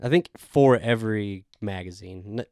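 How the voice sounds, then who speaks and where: A man's voice: lowish voice, normal speed, darkish tone, clear, resonant tone, no room sound, clean studio sound. A man co-hosting a casual podcast, talking in a laid-back, matter-of-fact way. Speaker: podcast co-host.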